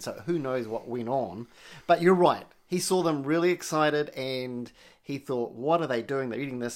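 A man with a New Zealand accent tinged with American, telling coffee history in a meandering, self-correcting way during a casual chat. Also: mid-range voice. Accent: New Zealand with some American. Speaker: coffee storyteller.

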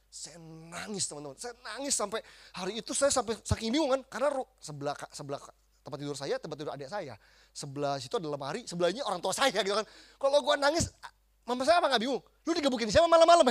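A man giving a lively testimony as a preacher, acting out quotes and swinging between loud bursts and hushed passages. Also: sits high.

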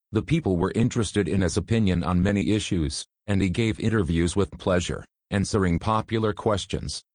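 A man narrating a story in an even, steady reading manner. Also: low-pitched, no echo, clean studio sound.

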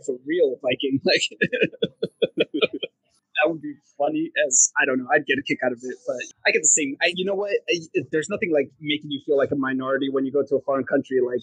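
A man co-hosting a casual podcast, animated and joking, laughing often as he talks. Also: fairly high pitch, husky, no echo, rough recording. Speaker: podcast co-host.

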